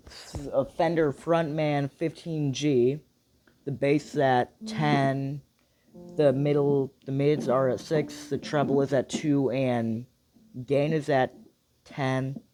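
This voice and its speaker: A man's voice: mid-range voice, steady tone, takes it slowly, darkish tone, slight background noise. A man casually walking through his guitar settings in a rambling, hedging way. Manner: loose, rambling, hedging with "like" and "kinda". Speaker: guitar tutorial host. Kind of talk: casual demonstration. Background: electric guitar playing.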